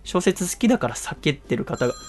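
A man's voice: a little high, sing-song, a little fast, a little hiss or hum. A man hosting a radio talk show in casual chat, teasing and laughing often.

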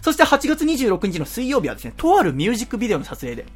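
Male radio host, quick and animated, polite formal phrasing, light music bed. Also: high-pitched, husky. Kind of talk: casual radio chat.

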